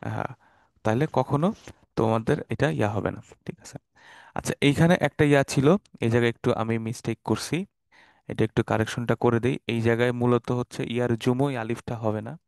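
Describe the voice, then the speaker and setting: A man's voice: mid-range voice, normal speed, creaky, dry recording. Man teaching in a dry room. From Bangladesh. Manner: relaxed explaining with fillers and asides. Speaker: Quran Arabic teacher. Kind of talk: online class lecture.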